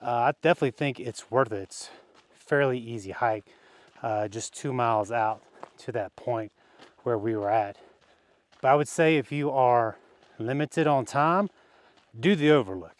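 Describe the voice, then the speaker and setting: A man's voice: mid-range voice, moderate pace, pauses often, no echo. A man vlogging outdoors as he walks a canyon trail, chatting casually with fillers and small laughs. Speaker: hiking vlogger. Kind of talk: casual narration while hiking.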